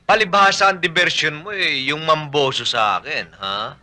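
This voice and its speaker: Scolding, boastful neighbor, bright edgy tone. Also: male voice, a little high, normal speed. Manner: blustering and scolding. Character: irritable, boastful male neighbor.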